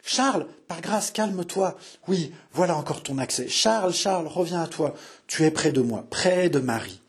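A man voicing a gentle young woman who soothes and pleads softly. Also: medium pitch, very animated, moderate pace, slightly rough. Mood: soothing. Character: Marie Touchet, young woman, tender, soothing mistress.

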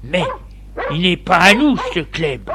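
A man's voice: fairly high pitch, slow. A man as a grumpy, worn-out husband. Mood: grumbling. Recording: steady background noise.

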